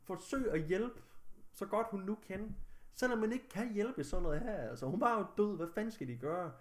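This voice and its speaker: Agitated man with a fairly high voice. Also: lively intonation, darkish tone. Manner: agitated, angry, heavy swearing. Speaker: vlogger. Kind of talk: recounting a personal story to camera.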